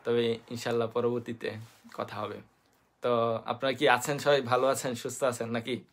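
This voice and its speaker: This Japanese-basics teacher from Bangladesh runs his live stream casually, his Bangladeshi Bengali accent carried by a mid-range, level voice. Viewers get greeted by name, letters get spelled slowly, and his speech is hesitant and packed with fillers.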